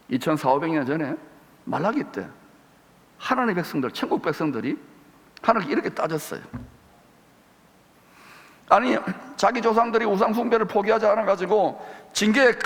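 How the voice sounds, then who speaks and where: A man's voice: high voice, fairly bright tone, big-room sound. A man preaching a sermon as pastor, making emphatic declarations. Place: church sanctuary.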